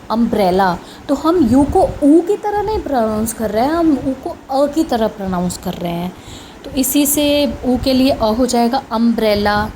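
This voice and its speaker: A woman's voice: a little high, mellow, a little hiss or hum, rough recording. A woman teaching phonics in a casual spoken lesson, saying each sound several times over.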